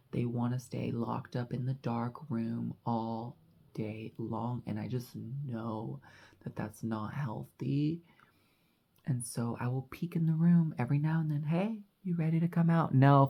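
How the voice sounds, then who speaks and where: A vlogger muses aloud in a loose, confessional ramble, leaning on "like" and "you know." The delivery is slow and drawn out. A gravelly fry runs under the voice. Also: mid-range voice, steady tone, muffled recording. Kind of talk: casual reflective monologue. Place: house in Mexico.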